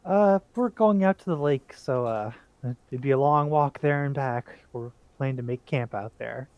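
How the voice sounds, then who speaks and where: A man's voice: medium pitch, moderate pace, darkish tone, smooth, no room sound, lo-fi sound. A man playing a tabletop game with friends, talking casually and hesitantly, often laughing. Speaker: player.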